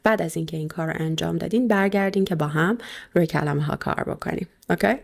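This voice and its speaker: A woman teacher giving a recorded video lesson, explaining in Persian and saying English words slowly and clearly. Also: lowish voice.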